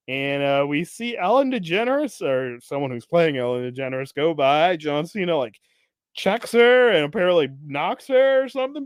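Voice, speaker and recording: A man's voice: clear, resonant tone, no echo, studio quality. A young man hosting a podcast, casually recapping TV episodes, laughing often and acting out characters' lines. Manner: animated, acts out characters' lines with jumps in pitch and loudness. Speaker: podcast host.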